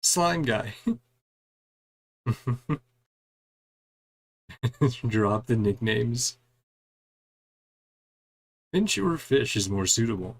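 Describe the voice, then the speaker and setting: A gaming streamer works through a story quest in casual, chatty let's-play commentary, reading the game's dialogue aloud and murmuring short reactions between lines. His medium-pitched, gravelly voice has a sing-song lilt, and he talks extremely slowly with frequent pauses.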